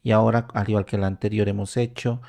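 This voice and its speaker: A man teaching programming in a coding tutorial, thinking aloud as he types and pausing on drawn-out fillers. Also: lowish voice, little pitch movement, vocal fry, darkish tone. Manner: thinks aloud while typing code, with drawn-out "ah" pauses. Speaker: programming instructor. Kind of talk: screen-recorded coding tutorial.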